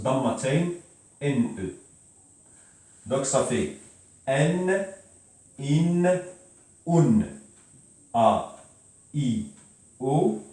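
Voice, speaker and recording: A man's voice: mid-range voice, darkish tone. A man teaching a beginners' Arabic lesson, explaining patiently and repeating himself with many hesitations. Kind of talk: beginner language lesson at a whiteboard. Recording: very echoey room, mic far off.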